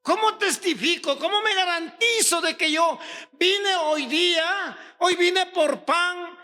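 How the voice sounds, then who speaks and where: A pastor from Ecuador preaching a sermon, firing rhetorical questions at the congregation and rising to shouts on key points. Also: male voice, very high-pitched, slow pace.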